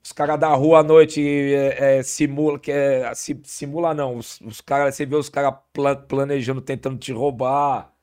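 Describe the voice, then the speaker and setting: A man's voice: mid-range voice, normal speed, hardly any pauses, smooth. A man telling stories in a casual podcast chat, full of slang and restarts. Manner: relaxed storytelling, heavy slang, frequent restarts. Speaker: podcast guest.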